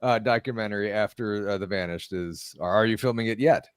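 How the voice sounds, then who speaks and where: A man's voice: on the low side, brisk, clean tone, no room sound. A male podcast host who jokes around and asks his guest questions, leaning on many fillers. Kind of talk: casual podcast chat.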